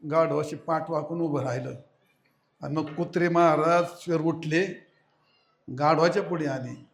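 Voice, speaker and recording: A man preaching a devotional sermon, telling a folk fable with humor and lively storytelling. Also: on the high side, a little slow, creaky. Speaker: kirtan preacher. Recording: echoey hall.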